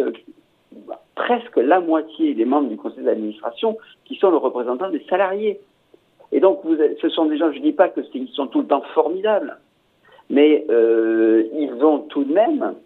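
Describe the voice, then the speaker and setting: Husky-voiced man on a phone line. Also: fairly high pitch. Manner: hesitant, repeats words, many fillers. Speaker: commentator. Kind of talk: radio discussion. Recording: tinny phone-line radio sound.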